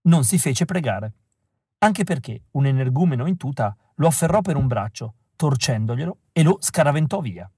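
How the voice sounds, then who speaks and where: A male audiobook reader narrates a scripted story with a wry, deadpan delivery. His husky voice sits at a middle pitch, and he reads at normal speed. The recording is dry and close, without any room sound.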